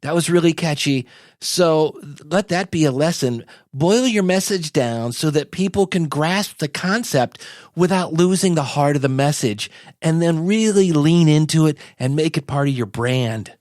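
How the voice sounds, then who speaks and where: A man plays a laid-back, present-day messiah guesting on a comedy podcast, his voice unusually high for a male and his delivery folksy, halting and chatty, like a small-time marketer. The recording is very dry with no echo, a little mellow, with lively intonation at a measured pace. He sounds pleased and instructive in this casual, comedic interview chat.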